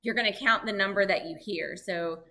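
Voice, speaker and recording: A woman presenting a live, lively lesson for families, chatting and asking her audience questions. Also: medium pitch, a little fast, a little hiss or hum. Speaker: library program presenter on birds.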